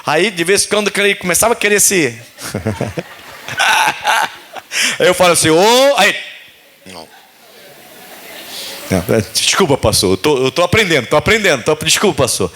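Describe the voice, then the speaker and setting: Preacher guy, high voice that jumps all over, acts out stories in his sermon. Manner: animated storytelling preacher, acts out dialogue. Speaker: pastor.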